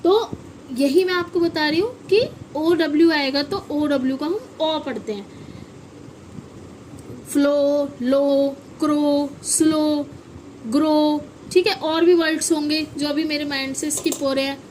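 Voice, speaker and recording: Woman teaching phonics, high voice. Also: a little slow, darkish tone, slight background noise. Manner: spells words out letter by letter, then asks the children to repeat. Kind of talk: classroom-style phonics lesson.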